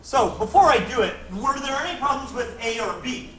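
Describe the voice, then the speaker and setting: A man's voice: very high voice, expressive, fairly quick, fairly bright tone. A male physics teacher lecturing a class, often checking in with "right?" and "okay?". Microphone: camera at a distance. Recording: echoey classroom, distant mic, faint noise.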